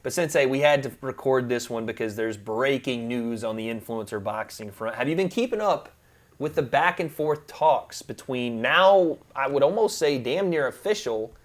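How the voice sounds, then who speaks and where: A man co-hosting a casual sports debate podcast, animated and joking as he trades banter with his partner. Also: mid-range voice. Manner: animated, joking, fast back-and-forth banter. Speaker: podcast co-host. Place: temporary room away from home.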